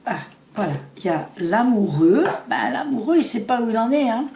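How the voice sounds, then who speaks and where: A woman doing a casual tarot reading, talking fast and rambling with many restarts. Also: fairly high pitch, sing-song, dark tone. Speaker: tarot reader. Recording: echoey room with faint noise.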